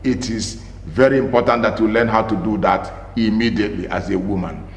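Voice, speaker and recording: A man's voice: fairly low pitch, fairly even intonation, brisk, gravelly, slight background noise. A man, a pastor and marriage counselor, giving an emphatic teaching talk to camera, repeating key phrases and asking rhetorical questions. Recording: roomy with long reverb.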